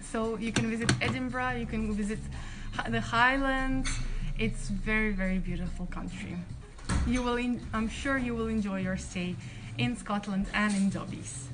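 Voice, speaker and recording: A woman's voice: fairly high pitch, steady tone, normal speed. A young woman from Croatia, a residence staff member hosting a friendly, chatty live-stream Q&A. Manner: friendly, chatty, many restarts. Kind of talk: live-stream Q&A, reading chat questions. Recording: crowd chatter behind.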